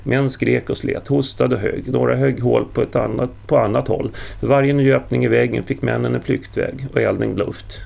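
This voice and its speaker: A man's voice: medium pitch, steady tone, gravelly, hardly any pauses, a little mellow. A man narrating a Viking tale as an audiobook reader, telling it steadily.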